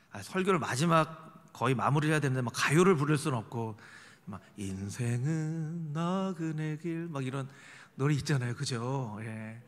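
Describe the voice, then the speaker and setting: A man's voice: a little high, pushed and bright. A male pastor preaching a sermon in a church sanctuary, earnestly addressing the congregation directly. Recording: reverberant church hall.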